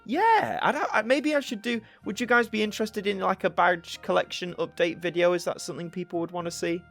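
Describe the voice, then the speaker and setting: A young YouTube host answers viewer questions in a relaxed chat, thinking aloud, with soft music in the background. He comes from Yorkshire, England, and his accent is mixed northern English, mainly Yorkshire. His voice sits high, with a brisk delivery and a fairly bright tone.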